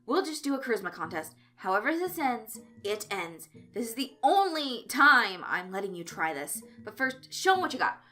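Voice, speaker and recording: A woman's voice: on the high side, big pitch swings, moderate pace, few pauses, bright, forceful tone. A woman reading a fanfic aloud, voicing an exasperated teenage boy running a tabletop game.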